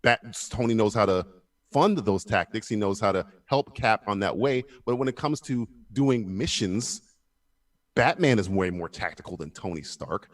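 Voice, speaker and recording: A man's voice: lowish voice, normal speed, no room sound. Foul-mouthed man arguing hard. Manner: animated, swears a lot, acts out quotes. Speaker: co-host. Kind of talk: heated casual debate. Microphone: video call.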